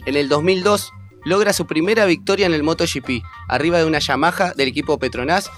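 A man's voice: fairly high pitch, a little fast, a bit bright, faint music behind. A man with an Argentine accent reading scripted sports documentary narration.

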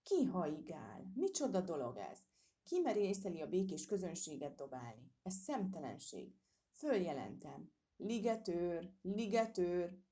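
A woman voicing a plump, fussy lady who complains loudly and shrieks in indignation, in a storybook reading. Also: on the low side, sing-song. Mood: indignant.

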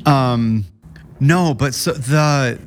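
A man's voice: mid-range voice, drawn-out words. A man co-hosting a podcast, chatting casually and enthusiastically, often laughing as he gushes. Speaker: podcast co-host. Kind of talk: casual chat.

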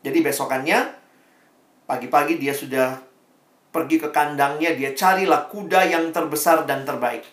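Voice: medium pitch, moderate pace. Preacher telling a story in a sermon, chatty, echoey hall, mic kinda far. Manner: conversational, animated storytelling, varied pace.

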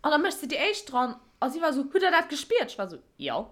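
A young woman co-hosting a podcast, chatting casually and telling an animated story with frequent laughter. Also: high-pitched, quick pace. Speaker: podcast co-host. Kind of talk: casual chat.

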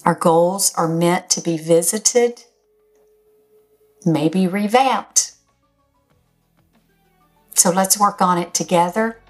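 An older woman with a raspy, slightly hoarse voice, speaking as a host in an encouraging, emphatic motivational talk straight to her listeners. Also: on the low side, takes it slowly, long pauses, soft background music. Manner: encouraging, direct address, emphatic. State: slightly hoarse, recovering from illness. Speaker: podcast host.

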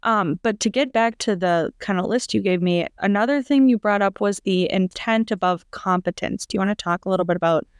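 A woman from Minneapolis hosts a conversation, asking curious follow-up questions. Her voice is smooth and clear at a middle pitch, recorded dry and close. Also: fairly quick, few pauses, dry recording. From Minneapolis, USA. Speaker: podcast host. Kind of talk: interview questions.

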